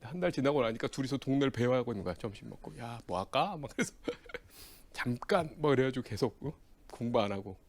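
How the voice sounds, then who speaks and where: A man's voice: mid-range voice, fast talker. A man lecturing exam-prep students, telling personal stories in a blunt, teasing way and tagging his sentences with a questioning "eh?". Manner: acts out quoted dialogue in lively voices.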